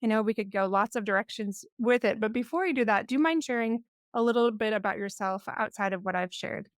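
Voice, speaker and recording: A woman's voice: on the high side, brisk, dry recording, clean studio sound. Upbeat woman podcast host. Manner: upbeat, enthusiastic. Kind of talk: interview hosting.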